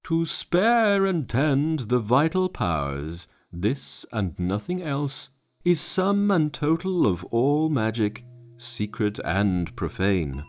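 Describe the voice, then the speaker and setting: A man voicing an old male patriarch teacher who speaks slowly and solemnly, drawing out each phrase. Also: mid-range voice, voice pushed up. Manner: slow, solemn, drawn-out recitation.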